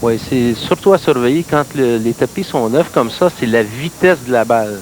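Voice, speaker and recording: A man with a Quebec French accent comments like a golf analyst on a late-1980s TV broadcast. His medium-pitched voice is informal and explanatory. Clear noise runs behind him throughout. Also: expressive, moderate pace, a little mellow. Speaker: color analyst. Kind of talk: golf-commentator style analysis of a mini-putt match. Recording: noisy late-1980s TV sports recording.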